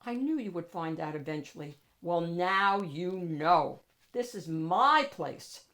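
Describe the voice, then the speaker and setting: A woman's voice: lowish voice, lively intonation, takes it slowly, fairly bright tone. A woman voicing a confident male dog who bosses a secret club, in an assured, emphatic storybook manner. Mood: calm, frank.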